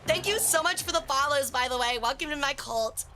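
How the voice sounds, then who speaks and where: Female game streamer and commentator, very high bright voice, cute bubbly delivery for viewers. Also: a little fast, slight background noise. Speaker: streamer hosting a tournament.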